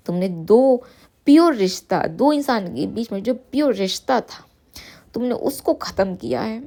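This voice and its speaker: Defiant hurt woman with a gravelly voice. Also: medium pitch, a little mellow. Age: 30s. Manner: defiant, repetitive, emotionally hurt; mixes English words into speech. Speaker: vlogger. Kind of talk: emotional vlog outburst.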